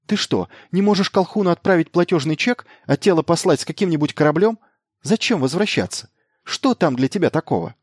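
A man's voice: fairly high pitch, animated, brisk, breathy edge, no room sound, pitched above the performer's own voice. Brief: insistent young woman, voiced by a male reader, raised and dry. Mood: protesting. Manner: pleading, insistent. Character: young woman, earnest and protesting.

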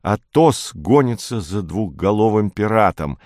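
A man narrates a story in a steady, even reading voice. His voice sits low and the sound is dry and close to the mic. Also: unhurried, no echo. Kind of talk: audiobook reading.

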